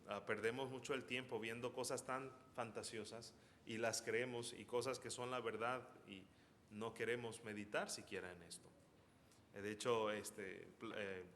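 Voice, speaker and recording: Bright-voiced man preaching in a reverberant church. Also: fairly low pitch, fairly even intonation, moderate pace, a little hiss or hum. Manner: storytelling sermon, builds to fervent urgency. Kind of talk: sermon. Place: church sanctuary. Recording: long hall reverb.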